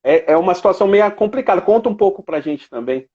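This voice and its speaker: Talkative male host with a high voice, on a dull, lo-fi live-stream line. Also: expressive, fast talker, a little mellow. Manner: chatty, prompting the guest with follow-up questions. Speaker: sports show host. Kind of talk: casual live interview.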